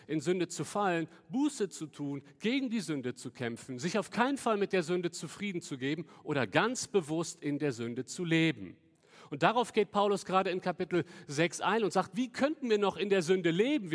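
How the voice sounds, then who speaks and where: A man preaching a sermon in an earnest, explanatory manner, slowing down to stress quoted lines. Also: high voice, long reverb tail. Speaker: pastor.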